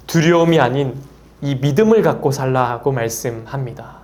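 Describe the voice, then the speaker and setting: A man's voice: on the high side, a little mellow. A man preaching a Sunday sermon as pastor, quoting scripture earnestly and lifting his voice on key phrases. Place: church sanctuary.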